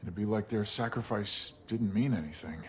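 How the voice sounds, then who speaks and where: An actor playing an earnest, gentle young male warrior in a video game, halting and modest. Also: on the low side, a little hiss or hum, close to an everyday voice. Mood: reflective.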